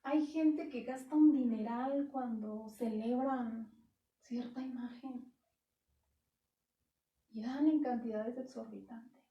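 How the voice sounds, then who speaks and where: A woman's voice: a little high, steady tone, slow, long pauses, dull audio. A woman pastor preaching a sermon in earnest, emphatic tones, quoting scripture as she teaches. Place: church. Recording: echoey church hall, heard from a distance.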